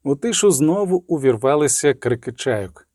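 Mellow male audiobook narrator. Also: fairly high pitch, big pitch swings, moderate pace, husky, no room sound, clean studio sound. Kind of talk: scripted narration.

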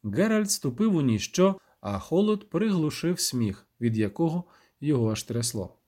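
Man narrating an audiobook, higher voice. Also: very animated, moderate pace, dark tone.

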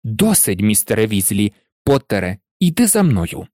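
A man's voice: lowish voice, big pitch swings, moderate pace, darkish tone, dry recording, studio quality, voice pushed down. A man voicing a strict older woman professor in a storybook reading, scolding and shocked.

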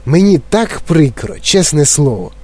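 A man voicing a fussy, eccentric candy maker who talks in soft, rueful sighs. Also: a little high, very animated, normal speed, husky.

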